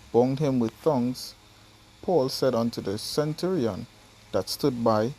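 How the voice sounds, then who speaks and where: Recorded at low quality with a little hiss or hum, a man from Trinidad reads and explains Bible verses in his Trinidadian accent. His mid-range voice is a little mellow, and his casual teaching is dotted with check-ins like "right?" and "you understand?"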